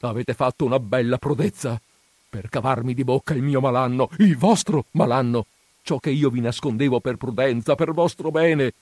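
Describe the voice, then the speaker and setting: A man reading aloud voices a timid, frightened middle-aged village priest who pleads in a high, quavering voice and drags out his words. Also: lively intonation, slow, mellow, no room sound, full character voice. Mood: indignant scolding.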